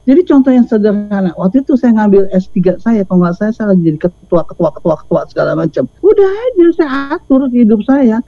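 An older woman talks as an interview guest, slangy and lively, jumping into little acted-out voices as she tells her stories. The audio is close and dry, with a slightly dull, muffled top end. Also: medium pitch, fast, few pauses, no room sound. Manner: lively storyteller, slangy, acts out quoted voices. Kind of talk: casual interview talk.

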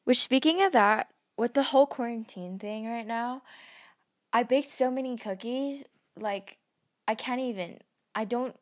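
Chatty and giggly, this teen podcast host talks about herself late at night in her bedroom, poking fun at herself as she goes. She speaks unhurriedly in a slightly high voice, captured as a dry recording with clean studio sound.

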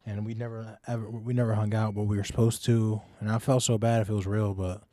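A young man co-hosting a podcast, teasing his friend with quick banter full of "like" and "bro". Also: on the low side, little pitch movement, mellow, no room sound, clean studio sound. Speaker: podcast co-host. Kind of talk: casual chat.

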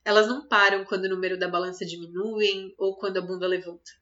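A woman with a Brazilian Portuguese accent, speaking gently and conversationally to her listener about self-compassion, laughing lightly now and then. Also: mid-range voice, flat delivery, fast. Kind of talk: motivational self-talk monologue. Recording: slightly dull lo-fi sound.

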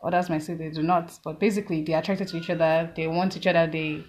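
A woman with a Nigerian accent giving casual, measured and somewhat hesitant answers as a podcast guest. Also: low-pitched, steady tone, a little mellow, a little hiss or hum. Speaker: podcast guest, food business owner.

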